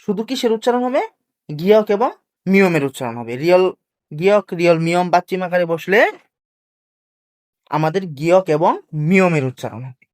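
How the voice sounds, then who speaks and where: A patient teacher walks through a video lesson. They ask quick questions of the audience, answer them, and repeat each point carefully. The pitch sits in a middle range. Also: expressive, a little mellow. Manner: slow, careful drilling of pronunciation rules. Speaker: language teacher. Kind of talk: classroom-style video lesson.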